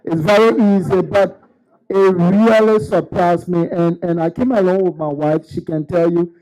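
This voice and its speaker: A man's voice: high voice, steady tone, moderate pace, warm tone, poor audio. A man giving an earnest, unscripted graduation testimonial with frequent stammering restarts. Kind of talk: unscripted ceremony speech.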